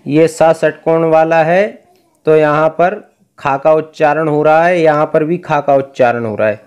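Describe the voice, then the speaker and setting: A man teaching Vedic recitation, explaining pronunciation and chanting verses in slow, drawn-out tones. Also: on the high side, darkish tone, clear, resonant tone, dull audio. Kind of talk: recitation lesson.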